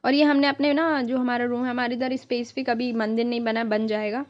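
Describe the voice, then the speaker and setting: A woman's voice: a little high, little pitch movement, fairly quick, no echo, highs cut off. A young woman vlogger narrating her family's festival video in a casual, chatty way, dropping in English words now and then.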